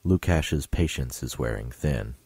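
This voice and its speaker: A man reading stage directions as narrator of an audio drama in a flat, matter-of-fact way. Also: rumbling low, unhurried, breathy edge, no room sound.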